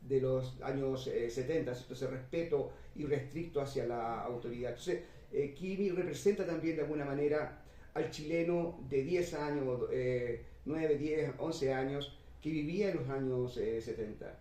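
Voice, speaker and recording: A man hosting and moderating a literary panel, speaking in a measured way with many drawn-out fillers. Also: medium pitch, mellow. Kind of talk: conversational panel discussion. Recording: roomy echo, distant mic.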